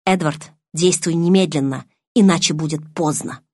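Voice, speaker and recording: A woman reading an audiobook, voicing a composed middle-aged male doctor who speaks calmly and gives orders. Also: medium pitch, moderate pace, no echo, clean studio sound, lightly acted. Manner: calm, level, commanding.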